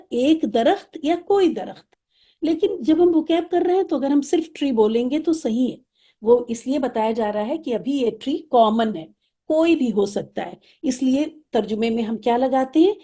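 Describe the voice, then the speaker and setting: A woman, teaching an Arabic lesson and going over vocabulary with patient repetition. Her voice sits high but sounds warm and slightly husky. She mixes English terms into her explanations. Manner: patient, repeats each word slowly, mixes English terms into Urdu.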